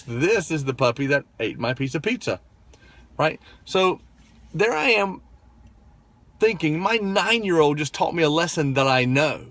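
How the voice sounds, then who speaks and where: Chatty dad telling a story. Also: male voice, mid-range voice, fairly bright tone, no echo. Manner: conversational, full of fillers and tag questions. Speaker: motivational vlogger. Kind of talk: casual storytelling monologue.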